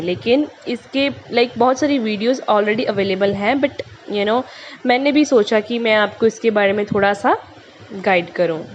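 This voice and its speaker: A young woman speaks in a relaxed, chatty way to the viewers of her channel. Her voice sits a little high and she drops casual English fillers into her talk. The recording is muffled and lo-fi, with a faint hiss underneath. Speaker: tarot channel host.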